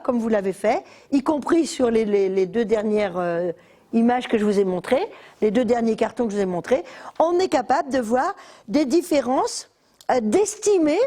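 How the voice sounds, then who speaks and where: An older woman lectures a room full of listeners. Her voice sits fairly high yet stays mellow and soft-edged. She talks in a lively, chatty way, full of asides and hesitations. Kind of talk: live lecture to an audience. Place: lecture hall.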